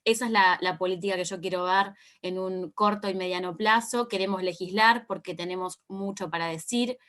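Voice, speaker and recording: A young Uruguayan woman speaks earnestly on an online panel about youth and politics, stopping and restarting with fillers. Her voice sits at a medium pitch and comes through a video call. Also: steady tone, normal speed, a bit bright. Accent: Uruguayan Spanish. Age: young adult. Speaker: youth party activist panelist.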